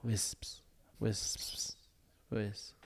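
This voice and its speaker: A man's voice: lowish voice, little pitch movement, very slow, vocal fry, slightly rough, in a whisper. Laid-back young man from the US Midwest. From Ohio, US. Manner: laid-back, rambling, lots of "um" and "dude". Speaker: podcast co-host. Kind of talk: casual chat.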